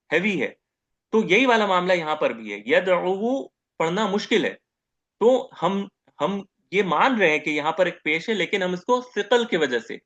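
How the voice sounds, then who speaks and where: A man giving a grammar lecture as teacher, posing questions to the class, answering them himself and repeating each term slowly. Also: sits high, fairly bright tone. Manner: asks questions and answers them himself, repeats terms, says "okay" often.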